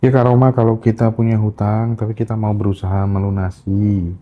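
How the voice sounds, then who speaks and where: A man hosting a podcast interview, giving brief affirmations and gentle follow-up questions. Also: fairly low pitch, little pitch movement, fairly quick, muffled recording. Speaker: podcast host. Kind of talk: casual interview.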